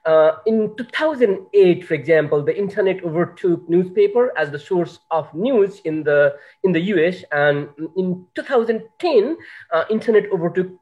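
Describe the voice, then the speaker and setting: A man who is a university professor, giving a factual, steady opening statement on an online panel and citing figures. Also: sits high, moderate pace, highs cut off.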